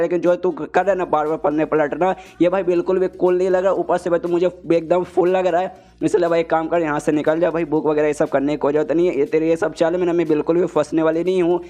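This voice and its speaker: A man's voice: on the high side, warm tone. A man narrating a comic recap casually, slangy and chatty, peppered with filler words. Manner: slangy, keeps saying "bhai" and "na".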